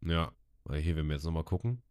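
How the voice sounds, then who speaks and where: A man co-hosting a podcast, casually retelling an anime episode with lively storytelling. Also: extremely low pitch, quick pace, smooth. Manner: lively storytelling, laughs often. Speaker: podcast co-host.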